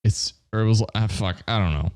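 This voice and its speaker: A man's voice: on the low side, brisk, a little mellow, clear, resonant tone. A young man co-hosting a casual podcast chat, crude, teasing and laughing a lot. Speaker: podcast co-host.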